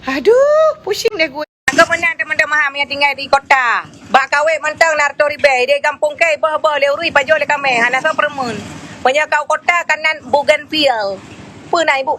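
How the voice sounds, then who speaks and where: High, bright Acehnese woman ranting comically. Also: steady tone, moderate pace, a little hiss or hum. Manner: exaggerated complaining, mixing local dialect. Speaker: social media comedian. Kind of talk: comic vlog rant.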